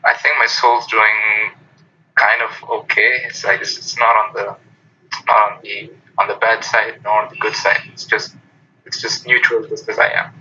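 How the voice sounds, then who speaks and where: A man's voice: fairly low pitch, level tone, moderate pace, sharp tone, a little hiss or hum. A young man from Pakistan, a student guest on a podcast, speaking hesitantly with many fillers. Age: young adult. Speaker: guest, former student council president. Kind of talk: casual interview. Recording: dull lo-fi home recording.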